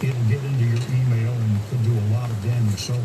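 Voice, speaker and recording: A man's voice: mid-range voice, fairly even intonation, quick pace, distant mic, over music, poor audio. A man anchoring live breaking storm news coverage, talking partly off the cuff.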